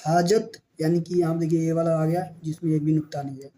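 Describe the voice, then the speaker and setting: A male teacher giving a beginner Urdu reading lesson with an Indian Urdu accent, spelling out letters and syllables slowly and asking questions he answers himself. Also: a little high, flat delivery, dark tone, a little hiss or hum.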